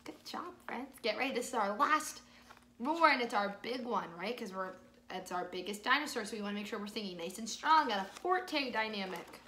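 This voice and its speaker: A woman's voice: mid-range voice, animated, a little fast, bright, forceful tone, slight background noise. A young woman with an encouraging, exaggerated kindergarten teacher voice, reading a story aloud to small children and coaching them along. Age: young adult. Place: small room at home.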